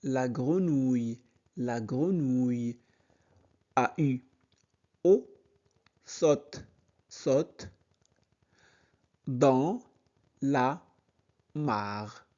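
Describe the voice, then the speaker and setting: Very slow, patient male reading teacher. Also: medium pitch, lively intonation, dark tone, muffled recording. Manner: very slow, syllable by syllable, repeating words. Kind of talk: slow reading lesson, spelling out sounds.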